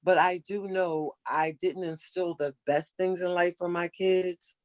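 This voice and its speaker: An older woman in casual conversation, giving earnest, motherly advice and slowing down to stress her points. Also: lowish voice, steady tone, darkish tone, no room sound. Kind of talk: casual chat.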